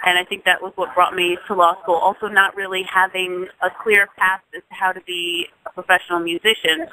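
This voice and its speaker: On a rough recording, a woman with a fairly low, fairly even voice speaks rather quickly. The thirties-aged Jamaican singer answers interview questions thoughtfully and casually, restarting phrases a lot and letting out soft laughs.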